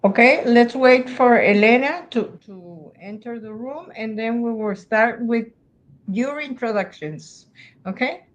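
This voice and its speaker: A woman's voice: a little high, unhurried, muffled recording. An older woman, a retired teacher, patiently moderating an online student discussion on a video call and giving the group instructions.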